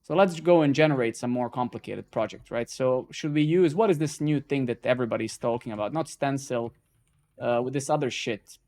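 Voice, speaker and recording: A man originally from Serbia hosts a casual live-coding stream, speaking briskly in a medium-pitched, slightly mellow voice. He talks loosely, swears when frustrated, and tags his lines with "right?" and "man".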